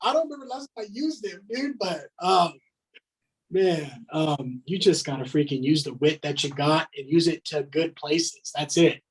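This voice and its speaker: A man's voice: fairly high pitch, expressive, normal speed, slightly rough, rough recording. A man in his thirties, a podcast guest, talking in a blunt, emphatic way, swearing and filling his talk with "man". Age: 30s. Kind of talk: casual podcast chat.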